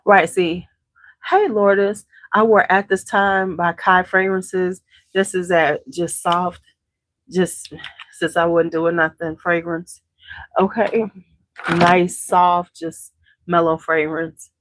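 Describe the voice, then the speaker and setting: A congested Chicago-area woman with a lowish voice hosts a beauty channel, speaking slowly in a steady tone over a little hiss or hum. She chats casually with live viewers at home, greeting them by name.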